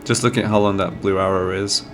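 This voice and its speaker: Over music, a man with a deep, fairly even voice speaks fast while playing a strategy game for his gaming channel. He has a cold that makes him sound slightly nasal, and he thinks aloud, explaining every move in casual commentary.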